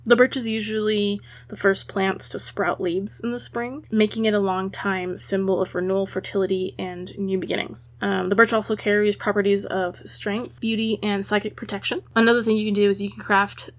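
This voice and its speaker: Woman giving a casual, gentle tutorial. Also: medium pitch, level tone, moderate pace, few pauses. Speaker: host of a spiritual how-to episode. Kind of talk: informal spoken tutorial.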